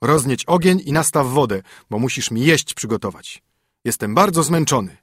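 A man's voice: medium pitch, expressive, moderate pace, husky, no room sound, studio quality, pitched above the performer's own voice. A man doing a stern scolding minstrel husband. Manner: scolding, commanding. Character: stern poor minstrel husband, a king in disguise.

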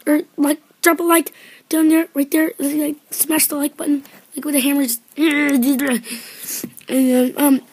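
A woman's voice: sits high, flat delivery, a little slow, no room sound. A woman vlogging casually to her viewers, rambling with many fillers in an upbeat way. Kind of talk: casual vlog chat.

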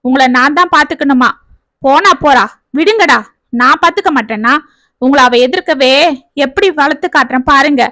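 A furious, bitter husband and father rants and scolds his family in a raised voice, as a woman puts him on in a storybook reading. The voice sits high, and the sound is dry and close. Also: brisk, sharp tone, dry recording. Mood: angry. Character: angry, bitter middle-aged husband and father.

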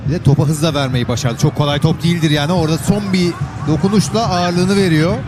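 Fast-talking male football co-commentator. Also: fairly high pitch, over music, crowd noise. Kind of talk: conversational analysis of live match play. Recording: loud stadium noise behind the voice. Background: loud outdoor match ambience.

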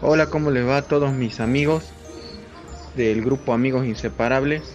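A man from Argentina, sending a relaxed, friendly holiday greeting. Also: mid-range voice, normal speed, soft background music. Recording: dull lo-fi recording.

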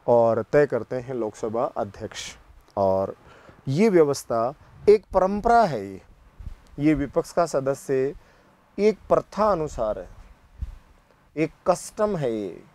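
A man's voice: fairly high pitch, darkish tone, no echo. A man teaching political science in a classroom lecture, asking questions and answering them himself and repeating the key points. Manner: slow, deliberate delivery.

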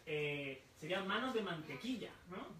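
A high-voiced man gives a live talk at a bookshop, explaining patiently and throwing questions to the audience. The room is echoey and he sounds distant from the mic. A faint murmur of room noise sits underneath. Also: lively intonation, sharp tone. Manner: explains slowly, repeats words, asks the audience questions. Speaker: book author presenting his book.

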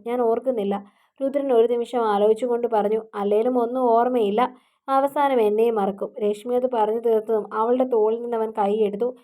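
Female audiobook narrator, gentle and steady romance reading, somewhat high pitch. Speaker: storyteller.

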